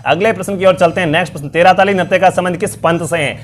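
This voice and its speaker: High-voiced man with worn, strained voice. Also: steady tone, rapid-fire, a little hiss or hum. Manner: repetitive, upbeat quizzing with frequent fillers. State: strained, worn voice from illness and long talking. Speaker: online exam-prep teacher. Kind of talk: live online quiz class.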